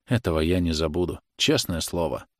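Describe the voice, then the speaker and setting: A man voicing a young son who speaks quietly and apologetically. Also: low voice, brisk, dry recording, clean studio sound, pitched below the performer's own voice, natural voice. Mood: sheepish.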